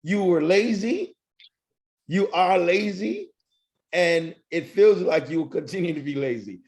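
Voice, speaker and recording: A man's voice: sits high, big pitch swings, a little slow. A man co-hosting a casual podcast chat, teasing his friend with laughter and repeated phrases. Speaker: podcast co-host.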